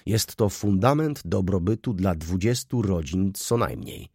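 A man voicing a self-assured merchant who explains his plans in a measured, businesslike way. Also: low-pitched, expressive, darkish tone, breathy edge, no echo, studio quality, heavily acted.

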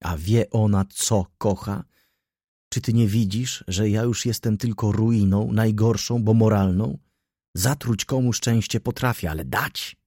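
A man's voice: lowish voice, unhurried, mellow, no echo, clean studio sound. A man voicing a brooding, bitter merchant. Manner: bitter, heavy, self-reproaching. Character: brooding, disillusioned middle-aged male merchant. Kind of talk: audiobook dialogue reading.

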